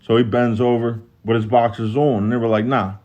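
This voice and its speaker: On a live stream, a man with a Philadelphia accent tells a casual, profane story about prison, switching to a higher voice to act out what other people said. His speech is fairly quick and warm with little pitch movement, and the recording sounds muffled.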